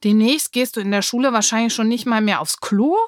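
A woman's voice: on the high side, a little fast, no room sound, lightly acted. Lady doing a feisty bossy schoolgirl, impatient and cheeky, storybook reading, dry sound. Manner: challenging, impatient. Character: bold, fiery schoolgirl, bossy and challenging.

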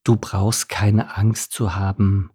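A man voicing a caring father duck who talks to his ducklings slowly and patiently in a storybook reading. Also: on the low side, slightly rough, heavily acted. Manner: calm, slow and reassuring.

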